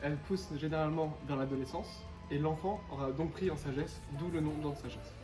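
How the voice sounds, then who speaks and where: A young male student delivers a prepared explanation in a fairly high voice. He sounds set back in an echoey room, with music clearly behind him. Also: fairly even intonation, quick pace, far from the mic. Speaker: student presenter.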